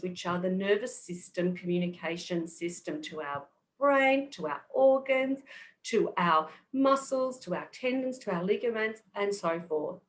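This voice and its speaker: Middle-aged Australian woman, podcast guest, mid-range voice, steady and explanatory. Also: mid-range voice. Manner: patient, explanatory. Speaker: guest kinesiologist. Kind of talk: podcast interview.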